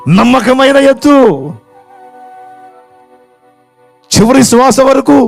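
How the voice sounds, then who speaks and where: An old farmer mourns his faithful ox in a pleading, anguished voice, as a man acts him out in a sermon. His cries climb as his grief swells. Soft music plays faintly behind. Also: medium pitch, normal speed, slightly rough, close to an everyday voice. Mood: grieving.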